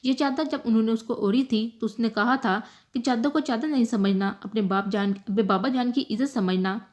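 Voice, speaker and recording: A woman narrating a romantic novel aloud in an emotive, measured storytelling manner. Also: a little high, a little mellow. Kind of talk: scripted novel reading.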